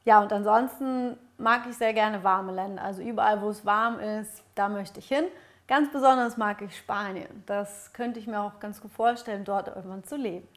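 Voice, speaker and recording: A woman's voice: medium pitch, fairly even intonation, moderate pace. A young woman from Ukraine, a fitness vlogger, answering viewer questions in a casual, friendly chat with many fillers, on a lapel mic in a living room. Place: bright living room, on a sofa.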